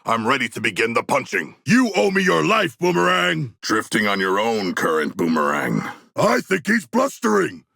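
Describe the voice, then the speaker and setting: An actor voicing a huge, earnest, bloodthirsty humanoid shark warrior for a video game, speaking gravelly, formal and grandiose lines. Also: male voice, mid-range voice, huge pitch swings, normal speed, sharp tone, no room sound, clean studio sound, heavily acted. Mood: proud. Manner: formal, stilted, grandiose diction. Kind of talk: video game character voice acting.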